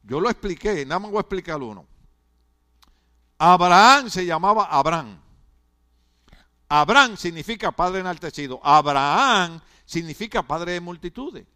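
A male pastor preaches in a fairly high voice. He talks to his congregation casually, joking and stumbling over his words before pushing on. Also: expressive, moderate pace, pauses often, bright, forceful tone. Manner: conversational, humorous preaching with stammered restarts. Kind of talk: sermon.

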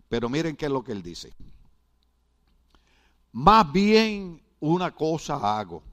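A middle-aged man preaching a sermon as a pastor, acting out quoted dialogue and asking the congregation questions. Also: on the low side. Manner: asks the congregation questions, call and response.

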